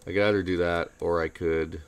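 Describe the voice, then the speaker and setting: A man casually commenting on his strategy game as he plays, rambling and thinking out loud with sarcastic asides, on a desk mic without a pop filter. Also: low voice, steady tone, a little fast, clear, resonant tone. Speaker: gameplay commentator. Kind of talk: casual let's-play commentary.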